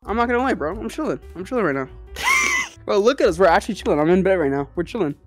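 A player goofing around casually with friends in a VR game, excitable and full of laid-back slang. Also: medium pitch, rapid-fire, soft background music. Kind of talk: casual gaming chat among friends.

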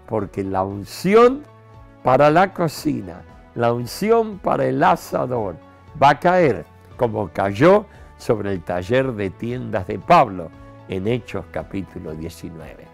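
A man's voice: medium pitch, sing-song, slow, vocal fry, soft background music. An older man, a pastor, preaching to camera from a studio set with a lapel mic, emphatic and gesturing with his hands. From Argentina. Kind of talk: promotional sermon to camera. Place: studio set with city backdrop.

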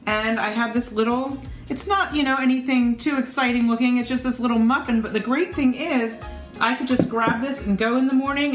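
A woman's voice: a little high, echoey room. A middle-aged woman, a nutrition educator, chatting casually through a cooking demo in her home kitchen, with many fillers and restarts. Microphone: camera in front, mid framing.

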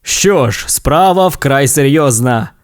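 A man's voice: mid-range voice, animated, measured pace, close to an everyday voice. A man voicing a cheerful, boastful male tow truck in an audio storybook, telling proud tall tales. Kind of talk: storybook character voice.

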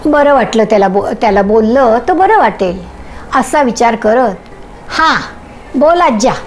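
A woman narrating a short story in a gentle, unhurried way. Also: fairly high pitch, animated, a little hiss or hum, poor audio.

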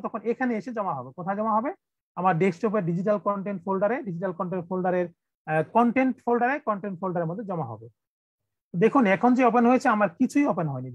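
A man from Bangladesh runs an online computer training for teachers over a video call. He explains each step, repeats himself often and fills pauses with "uh". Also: high-pitched, no echo, dull audio. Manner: instructive, repetitive, many "uh" fillers.

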